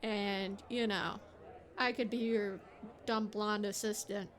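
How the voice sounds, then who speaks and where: A woman playing a tabletop role-playing game, chatting and joking quickly about her character's plans. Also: medium pitch, fairly even intonation. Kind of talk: casual play and in-character chat.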